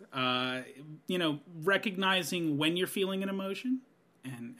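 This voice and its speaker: In a relaxed podcast conversation, a man in his 30s muses about aging, sincere and meandering, often saying "you know." His voice is mid-range and somewhat bright.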